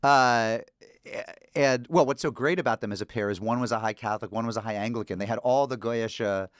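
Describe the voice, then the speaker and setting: A man hosting an interview, talking in a relaxed, chatty way. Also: medium pitch, a little fast, clear, resonant tone, dry recording, clean studio sound. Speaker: host. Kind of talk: conversational interview.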